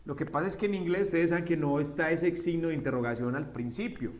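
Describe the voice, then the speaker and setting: Man teaching English, echoey room. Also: a little high. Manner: explains step by step, often checks with a quick "¿sí?". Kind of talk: recorded classroom lesson.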